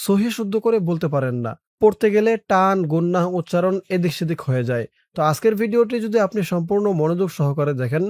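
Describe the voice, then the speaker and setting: A man teaching Quran recitation in a lesson. He spells out letters and vowel marks slowly, then chants the verses in long drawn-out tones. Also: sits high, darkish tone, dry recording, clean studio sound. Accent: Bangladeshi Bengali.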